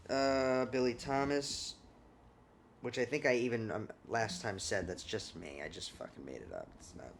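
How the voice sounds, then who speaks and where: A man's voice: medium pitch, expressive, moderate pace, gravelly, a little hiss or hum. A man hosting a casual podcast, talking loosely and joking, swearing now and then. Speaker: podcast host.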